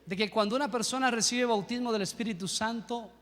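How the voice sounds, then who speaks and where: A man's voice: very high-pitched, fairly quick, a bit bright, a little hiss or hum. A man preaching a sermon as pastor, telling a story and then pressing his point with fervor. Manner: storytelling, rising to fervent preaching. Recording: reverberant church hall with music.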